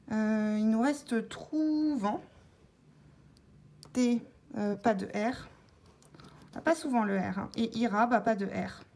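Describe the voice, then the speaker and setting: Slow, methodical woman spelling letters. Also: a little high, a little mellow. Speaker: scratch-card vlogger. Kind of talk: casual narration while scratching tickets. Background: scratching sounds.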